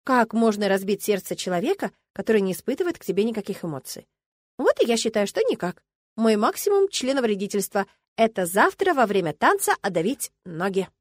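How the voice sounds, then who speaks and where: A woman giving first-person audiobook narration with an even, wry storytelling manner. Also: medium pitch, fairly quick, no room sound.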